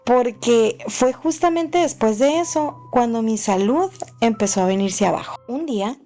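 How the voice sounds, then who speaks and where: A woman earnestly narrating her own paranormal story, unhurried and full of fillers. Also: a little high, mellow. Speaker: channel host.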